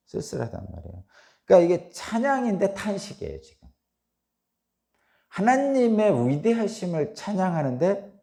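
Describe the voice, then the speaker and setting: Gravelly, lively-voiced male pastor preaching. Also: a little high. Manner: conversational preaching with rhetorical questions; reads scripture aloud with rising emphasis. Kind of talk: dawn-service sermon.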